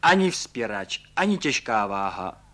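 A man reading aloud who voices a small, boastful older man, exclaiming eagerly in a storybook reading. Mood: gleeful. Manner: exclaiming, high and excited. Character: tiny cheerful older man, boastful and excitable.

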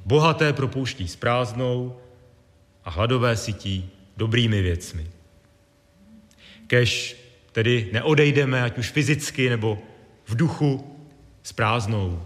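A man preaching a sermon in a measured, deliberate way with pauses. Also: medium pitch. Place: church. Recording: long reverb of a church.

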